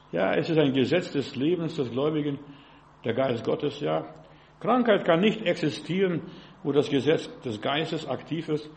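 Fervent gravelly German preacher man. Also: a little high, darkish tone. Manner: fervent, fills pauses with frequent "ja". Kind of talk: sermon. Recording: dull lo-fi recording.

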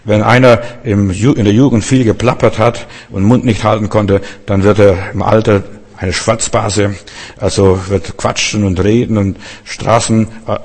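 Male preacher, low and husky, rambling, addresses the listener directly, long hall reverb. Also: flat delivery, measured pace, darkish tone. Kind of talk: sermon.

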